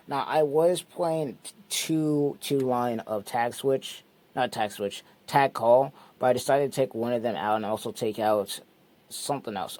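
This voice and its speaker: A man hosting his own channel, casually walking through a card deck step by step in a relaxed, repetitive way. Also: medium pitch. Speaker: card game channel host.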